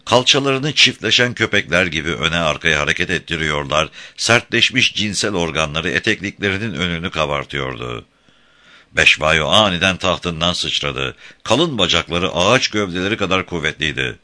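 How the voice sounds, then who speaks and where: A male narrator reads a novel aloud in a measured, vivid way. His voice sits low but sounds bright and forceful. The reading is scripted and steady.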